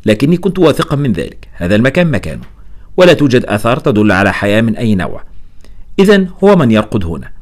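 A man narrating a horror novel in the first person, in a quick, lively storytelling manner. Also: medium pitch.

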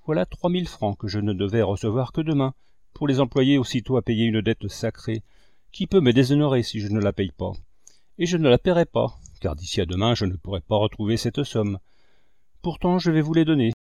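Cunning, brutal uncle, read by a man: oily charm over a cold threat, mellow tone. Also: medium pitch, expressive, fairly quick, dry recording, clean studio sound, lightly acted. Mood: wheedling, sly. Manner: smooth and falsely kind, turning to harsh threats. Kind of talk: audiobook reading.

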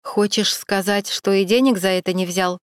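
A woman's voice: mid-range voice, steady tone, normal speed, clean tone, dry recording, studio quality, natural voice. A woman voicing a stern middle-aged police captain who questions coldly and with irony. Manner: cold, pressing, ironic.

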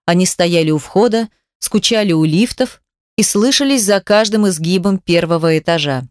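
A woman reading a novel aloud in first person, in a steady, measured way. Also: on the low side, no echo, clean studio sound. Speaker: audiobook reader.

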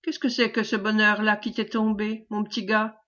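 A woman voicing a lively, outspoken farmer's wife, on a dull lo-fi recording. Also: mid-range voice, close to an everyday voice. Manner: quick to indignation and laughter.

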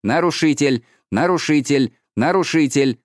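A man reading a storybook, voicing a stern metallic guard robot that barks out loud, repeated alarm cries, in a dry close recording. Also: a little high, measured pace, no room sound, pitched above the performer's own voice, close to an everyday voice. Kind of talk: audiobook reading.

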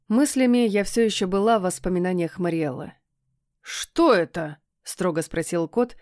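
A woman narrating a fantasy novel in the first person, in a measured, expressive reading. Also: medium pitch, no room sound, clean studio sound. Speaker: audiobook narrator.

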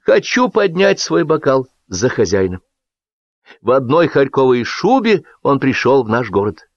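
A man's voice: mid-range voice, sing-song, a little slow, no room sound, dull audio, pitched above the performer's own voice. A man voicing a bossy female guest who scolds and makes toasts in a raised voice. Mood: scolding.

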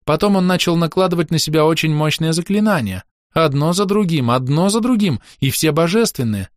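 A man's voice: on the high side, expressive, brisk, no echo, studio quality, voice pushed up, natural voice. A man voicing a blunt, chatty young girl, the narrator's daughter, telling what she saw in a childlike way. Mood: cheeky.

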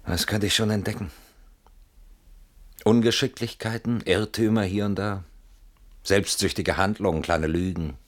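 In a German radio play, an actor voices an evasive man with a guilty conscience who keeps justifying himself, halting and brooding before protesting in sudden outbursts. His voice is low with fairly even intonation, and his mood comes across as dismissive.

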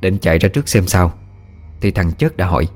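Deep-voiced storyteller. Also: male voice, fairly quick, soft background music. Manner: steady, plain storytelling. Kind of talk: ghost story narration.

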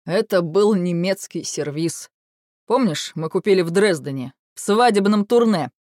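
A woman voicing an older male general with burred r sounds, furious and sarcastic, speaking slowly and bitingly. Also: fairly low pitch, lively intonation, darkish tone, dry recording, studio quality, lightly acted.

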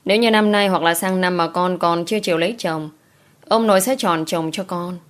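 A woman's voice: on the low side, fairly even intonation, brisk, lightly acted. A woman reading as a stern country mother. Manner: firm, scolding.

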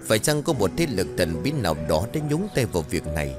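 A man narrating a scripted horror story, telling it in a lively way with dramatic swings in his voice. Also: low-pitched, fast. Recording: dry close mic with faint music bed.

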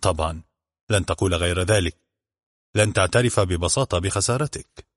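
A blunt police officer who mocks and teases in a low, husky voice, as a male reader puts him on. His lines stay offhand and sardonic. The dry, close sound of an audiobook recording carries them. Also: normal speed, no room sound. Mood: dry teasing. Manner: mocking, offhand.

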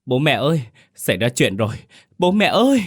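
A man's voice: lowish voice, expressive, brisk, no room sound, clean studio sound, natural voice. A man voicing a terrified young village woman in a ghost story audiobook, crying out shrilly in panic. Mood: panicked crying.

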